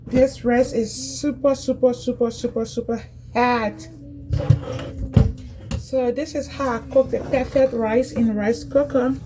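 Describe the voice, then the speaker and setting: A woman's voice: fairly high pitch, fairly even intonation, a little slow, noisy background. A woman from Liberia, casually demonstrating cooking in a home kitchen and chatting directly to her viewers, often repeating herself. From Liberia, West Africa. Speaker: cooking vlogger.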